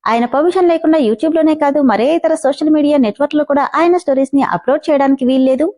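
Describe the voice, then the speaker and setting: A woman's voice: high-pitched, quick pace, warm tone. A woman hosting a story channel, greeting listeners and reading a serialized story aloud. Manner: friendly direct address to listeners. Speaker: story narrator and channel host.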